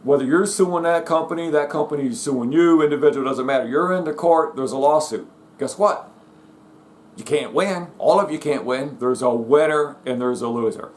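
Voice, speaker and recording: A man's voice: a little high, moderate pace, darkish tone. A middle-aged man from the United States delivering a blunt, emphatic rant, repeatedly asking "okay?" and "guess what?". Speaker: vlogger. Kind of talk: ranting monologue.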